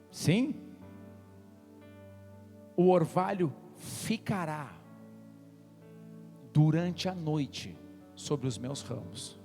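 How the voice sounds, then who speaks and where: A man preaching a sermon as pastor, moving from quiet Bible teaching to loud, impassioned calls. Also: on the high side. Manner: impassioned preaching that swings from soft teaching to shouting. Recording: church hall reverb with music behind.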